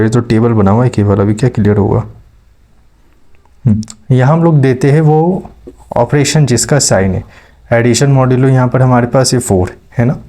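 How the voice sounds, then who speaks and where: A man's voice: mid-range voice, warm tone. A man teaching maths step by step, checking in with his students as he explains. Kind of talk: classroom lecture.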